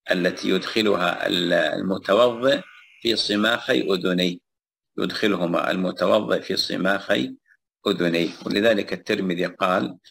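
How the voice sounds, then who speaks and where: A man giving a religious lesson, explaining a text step by step, repeating phrases and pausing with fillers as he goes. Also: deep voice, vocal fry, a bit bright, slightly rough. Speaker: religious teacher. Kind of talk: classroom lecture explaining a text.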